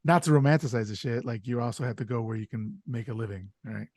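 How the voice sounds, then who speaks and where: Male host, mid pitch, dry close sound, rambling and restarting. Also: fast, darkish tone, no room sound. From Chicago, US. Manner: rambling, stumbles and restarts often. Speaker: podcast host. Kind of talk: casual podcast interview.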